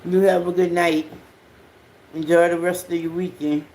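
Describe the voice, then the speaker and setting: A person with a Southern US accent chatting casually on a livestream in an unhurried, slangy, profane way. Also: mid-range voice, little pitch movement, a little mellow. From Southern United States. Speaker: livestream host.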